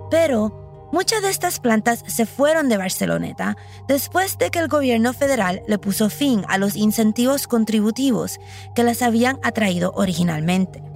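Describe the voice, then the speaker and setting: A woman's voice: on the high side, expressive, moderate pace, faint music behind. Woman narrating a documentary. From Puerto Rico. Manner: personal, reflective storytelling. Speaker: podcast host and narrator.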